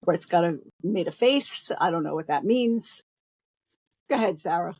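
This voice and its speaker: A woman's voice: lowish voice, animated, moderate pace, darkish tone, husky, dry recording. A woman with a Long Island accent hosting a podcast, chatty and blunt as she steers the conversation. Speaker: podcast host. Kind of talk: casual podcast discussion.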